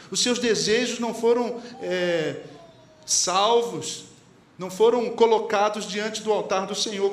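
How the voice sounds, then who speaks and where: The voice here is a high-pitched man's, a pastor with a Brazilian Portuguese accent giving a conversational sermon. He poses questions to the congregation and quotes sayings and song lyrics, and the echoey church hall adds faint ambience plus a little hiss or hum.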